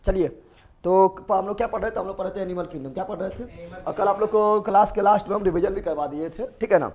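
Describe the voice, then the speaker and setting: A man's voice: high-pitched, fast talker, a little mellow. A man teaching a live online biology class in with a lilt, repeating questions and answers to his students. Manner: repetitive call-and-response questioning.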